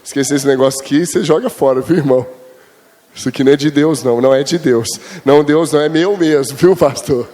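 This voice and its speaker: A man from preaching in a high voice. He tells chatty stories to his congregation, calls them brothers, and acts out conversations with God, climbing higher and louder. It sounds like a sermon given live in church. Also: fast. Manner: acts out quoted dialogue with God, rising high and loud. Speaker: pastor.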